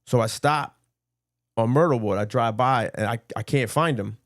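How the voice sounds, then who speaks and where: A man's voice: medium pitch, moderate pace, no echo, clean studio sound. A man telling a story on a podcast in casual chat, acting out quotes and laughing often. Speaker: podcast co-host.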